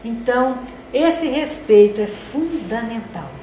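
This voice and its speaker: A woman's voice: fairly high pitch, animated, slow, warm tone. An older woman leading a spiritist study group, telling stories conversationally and often tagging phrases with a questioning "né?". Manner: anecdotal, conversational, frequent "né?". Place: meeting room of a spiritist center. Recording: roomy echo with background noise.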